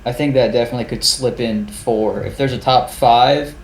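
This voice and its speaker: A man's voice: medium pitch, normal speed. A man co-hosting a podcast in casual chat, rambling and swearing as he acts out his reactions. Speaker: podcast co-host. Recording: roomy echo.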